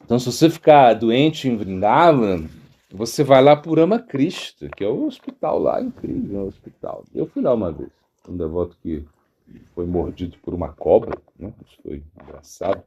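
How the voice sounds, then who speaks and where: A man's voice: lowish voice, moderate pace, breathy edge. A man, a monk giving a spiritual talk, telling a story with many restarts and tag questions. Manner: animated storyteller, frequent "né?" and restarts. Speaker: monk teaching devotional philosophy.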